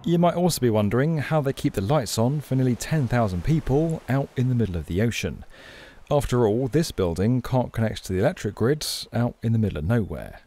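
Recorded in a studio, this man narrates a documentary script in a clear, explanatory, lightly conversational manner. His mid-range voice is mellow with lively intonation, moving a little fast.

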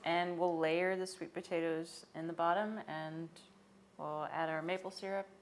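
A woman's voice: lowish voice, steady tone, moderate pace, a little hiss or hum. A young woman guest cook in a home kitchen, walking through a recipe step by step, plain and matter-of-fact with small laughs. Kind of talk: casual cooking demonstration.

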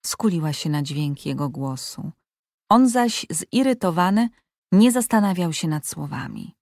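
A woman narrating an audiobook at a steady, even storytelling pace. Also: on the low side, a little slow, dry recording, clean studio sound.

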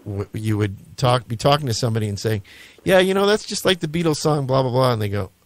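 Chatty American radio host, dry sound. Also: male voice, medium pitch, lively intonation, fast talker, no room sound. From United States. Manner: chatty, rambling questions. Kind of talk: casual radio interview.

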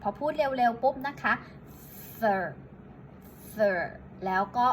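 A woman giving a patient, slow pronunciation lesson, demonstrating English words. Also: high voice, slight background noise, poor audio. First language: Thai. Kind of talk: casual spoken lesson.

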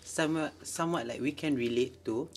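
Very low-voiced Singaporean woman rambling. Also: a little fast, a little hiss or hum. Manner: rambling, full of "um" and "like" fillers. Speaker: co-host and storyteller. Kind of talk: casual mukbang chat and storytelling.

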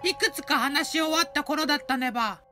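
A woman's voice: high voice, a little fast, sharp tone. A woman voicing a cheerful cutesy mascot who narrates short stories and tacks a cute verbal tic onto every sentence. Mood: upbeat. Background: light background music.

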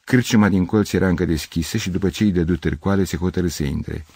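An older man narrating a literary audiobook in an expressive reading voice. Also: low-pitched, gravelly, dry recording. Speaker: audiobook reader.

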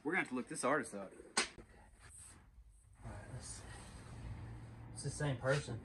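Bright and forceful at a medium pitch and moderate pace, a Texan vlogger who resells storage units chats casually with y'all while going through a unit outdoors, later moving into his truck. Faint background noise runs underneath.

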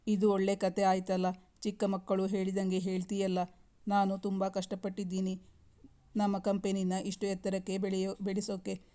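A busy young husband from a storybook reading talks gently and reassuringly, voiced by a woman narrator. The delivery stays almost monotone, with a soft, mellow tone. He sounds affectionate and patient. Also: mid-range voice, natural voice.

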